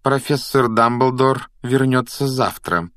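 A man voicing a strict older woman professor in a storybook reading, speaking in a cold, clipped, measured way. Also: mid-range voice, fairly bright tone, no room sound, voice pushed up. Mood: stern, cold.

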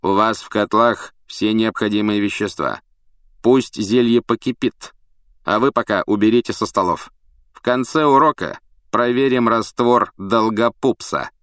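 Guy doing a mean sneery teacher, slow cold mocking drawl, dry audiobook sound. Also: on the low side, fairly bright tone, smooth, no room sound. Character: stern sneering male potions teacher. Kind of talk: audiobook character voice.

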